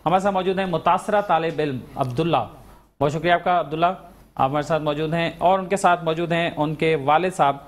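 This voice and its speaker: A man hosting a TV talk show, leading a guest interview with measured, probing questions and thoughtful fillers. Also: on the high side.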